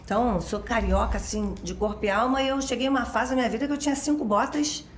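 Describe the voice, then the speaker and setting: Her voice is on the high side and fast, recorded in an echoey room with slight background noise. Born in Minas Gerais, Brazil, she has a Rio de Janeiro Portuguese accent and explains topics as a guest expert in relaxed conversation, full of everyday examples and tag questions.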